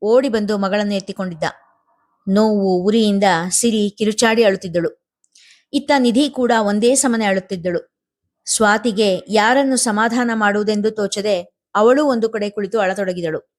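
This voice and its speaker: A woman storyteller reading an emotional family drama in a steady, even narration. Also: medium pitch, moderate pace. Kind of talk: scripted narration.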